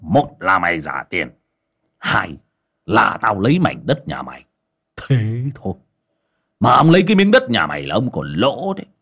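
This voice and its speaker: A man's voice: lowish voice, huge pitch swings, normal speed, long pauses, fairly bright tone, husky, exaggerated voice. Man doing a cruel sneering moneylender. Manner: sneering, barking insults and orders. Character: cruel wealthy moneylender man, scornful, bullying.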